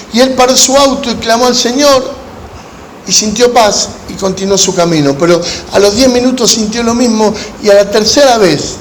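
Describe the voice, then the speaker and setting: Speaking Argentine Spanish, a male pastor delivers a sermon to fellow pastors at a church conference, weaving storytelling into his teaching. His high voice moves deliberately with frequent pauses, and the recording from the large hall is echoey with some noise behind him.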